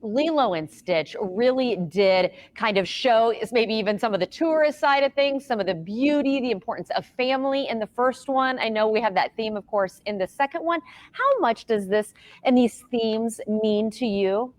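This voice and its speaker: Upbeat and bubbly, a woman hosting a morning TV show introduces a guest in the studio and questions her, tossing in casual asides. Her voice is a little high and animated, moving at normal speed with hardly any pauses.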